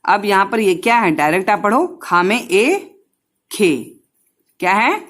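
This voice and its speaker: A woman teaching young children a lesson, drawing out each syllable and repeating drills, speaking to them directly and gently. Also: medium pitch, unhurried.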